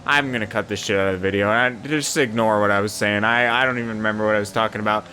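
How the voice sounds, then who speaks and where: A young man casually commentating his own racing game session, swearing often and rambling between excited yelps. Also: lowish voice, rapid-fire, slight background noise. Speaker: gaming YouTuber.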